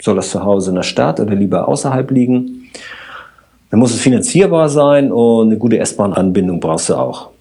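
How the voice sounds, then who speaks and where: A man, a systemic coach and podcast guest, explaining his work calmly with everyday examples. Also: fairly low pitch, moderate pace, breathy edge. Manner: explains with everyday examples, addresses host directly. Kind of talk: calm explanatory conversation.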